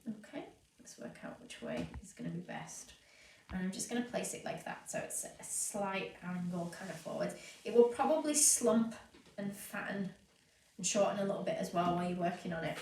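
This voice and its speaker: Her mid-range, darkish voice swings widely in pitch at a moderate pace as she leads a live home cake-decorating stream. Sniffling with hay fever, she keeps things chatty and explains her steps while working, with lots of fillers. The sound is roomy and far off, with faint noise.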